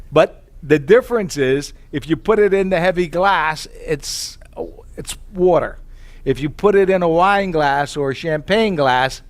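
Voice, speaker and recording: Selling tableware before a live crowd, a male sales presenter talks in a slightly raised voice, using chatty storytelling and rhetorical questions. He shares personal anecdotes, voices his earlier thoughts in brief asides, and checks in with the audience often.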